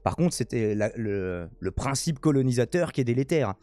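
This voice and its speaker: A young man with a mellow, dark voice reads news aloud on his stream. He stops often to comment, with many fillers and restarts. The sound is dry and close. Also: medium pitch, expressive, normal speed, dry recording. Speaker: streamer host. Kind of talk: casual live commentary reading news.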